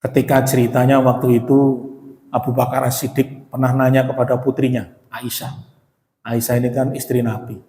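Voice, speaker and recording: A man with a dark-toned, medium-pitched voice and little pitch movement delivers a conversational sermon as ustadz at normal speed. Speaking Indonesian with a West Java accent, he often calls the congregation Pak, asks them questions, and acts out quoted voices. The mosque hall is echoey, with long reverb.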